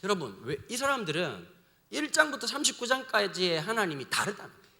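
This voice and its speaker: A male pastor delivering a sermon in a playful, colloquial manner, tossing questions at his listeners. His voice is strikingly high and bright, swinging widely in pitch as he talks. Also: sing-song, a little fast, vocal fry. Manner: humorous, slangy, asks the congregation questions.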